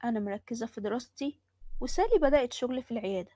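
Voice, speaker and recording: Young Egyptian woman, fast first-person storyteller, dry close mic. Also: a little high, expressive, mellow, dry recording. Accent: Egyptian Arabic. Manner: brisk, emotional first-person telling. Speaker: narrator. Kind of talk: storytelling narration.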